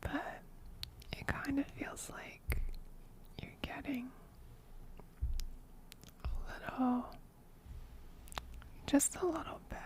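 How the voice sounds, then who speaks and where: A woman's voice: high voice, steady tone, extremely slow, long pauses, rough recording. A woman livestreamer doing close ASMR whispering right in the listener's ear, coy and teasing, talking to her chat. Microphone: close microphone.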